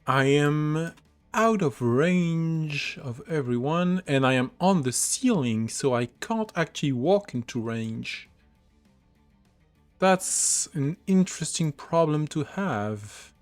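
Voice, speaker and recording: A man playing in a tabletop game, thinking aloud slowly. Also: fairly high pitch, expressive, soft background music. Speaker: player. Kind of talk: casual table talk.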